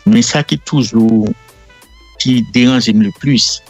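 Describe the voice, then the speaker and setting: A middle-aged Haitian man speaking French with a Haitian accent, explaining himself as a radio guest in a measured way full of fillers. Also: mid-range voice, vocal fry. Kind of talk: casual radio interview. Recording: faint music in the background.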